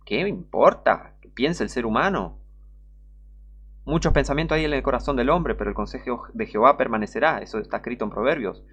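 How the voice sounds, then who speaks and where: A man's voice: medium pitch, animated, brisk, fairly bright tone, slightly rough, lo-fi sound. Emphatic scolding Rioplatense preacher man. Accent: Rioplatense Spanish. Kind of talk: online sermon.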